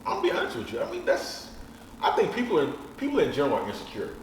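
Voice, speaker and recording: A man's voice: medium pitch, huge pitch swings, fast talker, distant mic. Blunt, frank man in his thirties. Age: 30s. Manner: blunt, frank, swears casually. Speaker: podcast guest. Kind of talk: casual chat. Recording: echoey room, off-mic, faint noise.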